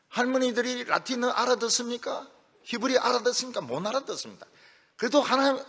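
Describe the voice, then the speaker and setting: A middle-aged male pastor preaching a sermon in a lively, storytelling way, acting out the voices of people he quotes. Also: sits high, creaky, husky. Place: church sanctuary. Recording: long reverb of a church hall.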